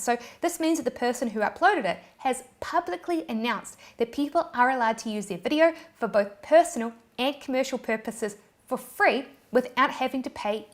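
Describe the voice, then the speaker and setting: A young woman with a New Zealand accent talks through a step-by-step online tutorial. Her voice sits a little high, and her tone is cheerful and bright, with small cheers slipped in between points. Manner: cheerful, bursts of "yay" and "woohoo". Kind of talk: upbeat scripted tutorial.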